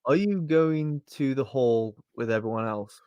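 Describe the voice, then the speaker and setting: A man's voice: medium pitch, expressive, measured pace, darkish tone, smooth, no room sound, muffled recording. A man playing a tabletop game, talking casually with a playful, sarcastic edge. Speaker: player.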